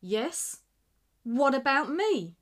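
A woman reading the part of a confused, frightened ex-fighter who has lost his memory, speaking in halting questions. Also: high-pitched, lively intonation, darkish tone. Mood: desperate.

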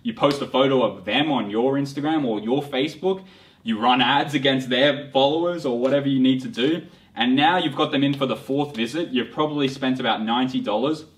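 A man's voice: medium pitch, distant mic. A man co-hosting a marketing podcast, talking in a rambling, enthusiastic way with frequent restarts. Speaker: podcast co-host.

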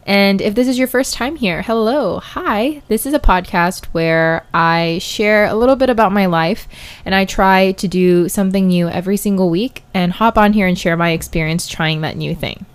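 A woman's voice: medium pitch, normal speed, clean tone. A woman hosting a solo podcast in a casual, chatty, informal way, recorded indoors in an apartment hallway. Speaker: podcast host and science teacher.

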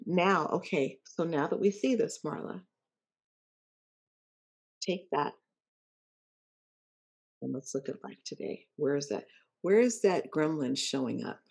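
Encouraging woman coach, low voice. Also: animated, a little slow, creaky, pauses often, breathy edge. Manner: encouraging, repeats key phrases for emphasis. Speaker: life coach and podcast host. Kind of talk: coaching interview conversation.

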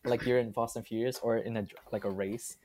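A teenage man talks in a casual chat among friends. His voice sits at a middle pitch, and he rambles with many fillers and restarts. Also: steady tone, a little fast, a little mellow, slight background noise. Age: teens. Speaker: student.

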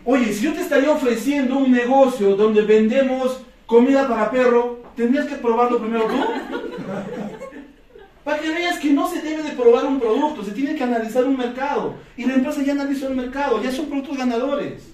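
Speaking to a sales team, this man delivers a motivational talk in a very high, slightly mellow voice at a somewhat fast clip. A speaker for a sales business, he spins stories and performs the voices he quotes, heard through a distant mic in a room with echo.

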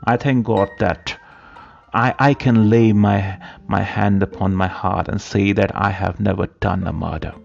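Male reader for a period story audiobook, very gravelly and slow, dull lo-fi sound with soft music underneath. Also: on the low side, fairly even intonation. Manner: slow, halting delivery with repeated words. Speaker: narrator.

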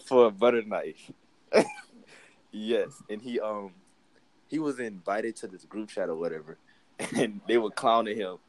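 A man with a low voice talks like a podcast host among friends. His delivery is casual and stop-and-start, full of slang and swearing. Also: measured pace, pauses often, a little hiss or hum, poor audio. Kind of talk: casual chat, reading out group messages.

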